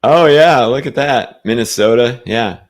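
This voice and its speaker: A man's voice: mid-range voice, measured pace. A man co-hosting a casual spiritual talk show, chatting playfully and laughing often. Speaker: podcast co-host. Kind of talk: casual chat. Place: traveling, currently in a temporary location.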